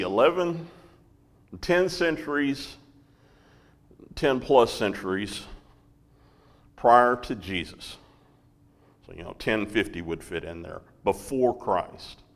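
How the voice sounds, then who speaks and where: Guy teaching a bible class real slow, keeps asking right? okay?, echoey big hall. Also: fairly low pitch. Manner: slow, with frequent "right?" and "okay?" check-ins.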